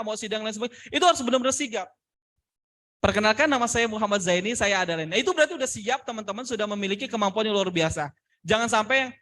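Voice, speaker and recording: Young male public speaking coach, high and bright, animated and hands-on with students. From Indonesia. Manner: lively, demonstrative, imitates examples. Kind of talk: seminar talk to students.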